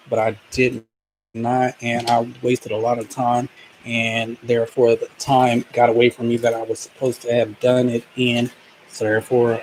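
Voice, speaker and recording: A man in a mid-pitched voice rambling into his own microphone, often pausing on fillers and starting sentences over. A clear wash of background noise sits under the whole recording. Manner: hesitant, lots of fillers and restarts. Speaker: vlogger. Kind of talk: casual rambling monologue.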